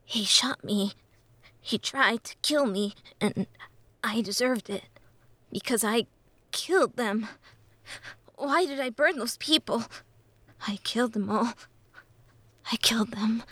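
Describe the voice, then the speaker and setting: A woman's voice: fairly high pitch, slow pace, pauses often, sharp tone, no echo, full character voice. A woman voicing a frightened, guilt-ridden small male imp who stammers and pleads. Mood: guilty.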